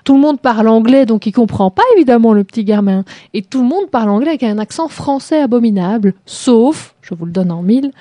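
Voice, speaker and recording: A woman's voice: fairly high pitch, animated, fairly quick, few pauses, warm tone, no echo. A woman hosting a chat show, mocking a TV series with sarcasm and frequent laughter. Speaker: show host reviewing a TV series. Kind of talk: casual critical chat.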